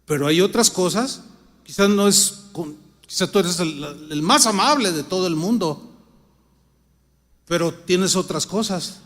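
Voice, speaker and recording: A middle-aged man with a Mexican accent preaches in a conversational, humorous way, voicing his own thoughts as he tells a story. His voice sits high, and it carries a long reverb of a large church hall. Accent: Mexican Spanish. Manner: reads scripture louder and slower. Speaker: pastor. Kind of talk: sermon.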